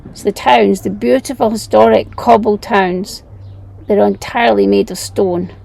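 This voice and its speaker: A woman from the UK hosting a travel vlog, talking in a chatty, wry and animated way. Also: mid-range voice, measured pace, creaky, a little hiss or hum. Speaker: travel vlogger. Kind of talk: casual travel vlog chat.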